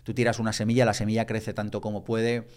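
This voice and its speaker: A man's voice: lowish voice, level tone, quick pace, darkish tone, clear, resonant tone. Reflective man explaining ideas. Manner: reflective, emphatic, conversational. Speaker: podcast guest, author. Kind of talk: reflective podcast talk.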